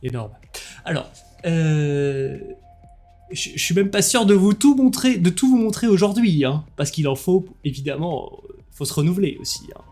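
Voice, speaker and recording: Homme à la voix assez haute, commentant un jeu. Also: male voice, on the high side, moderate pace, faint music behind. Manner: lively, joking, with many fillers. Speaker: streamer. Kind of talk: commenting a game live with jokes.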